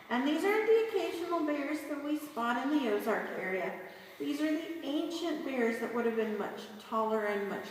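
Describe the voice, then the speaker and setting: A woman's voice: high voice, recorded from a distance. A woman working as a cave tour guide, explaining things informally to a group of visitors inside a large cave. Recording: very echoey cave, long reverb, background noise.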